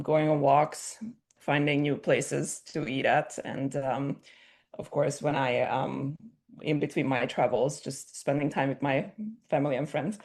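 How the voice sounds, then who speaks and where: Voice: mid-range voice, a little mellow. A speaker from Hungary, a tour company owner talking as an interview guest in a chatty way, with many fillers and restarts. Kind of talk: interview conversation.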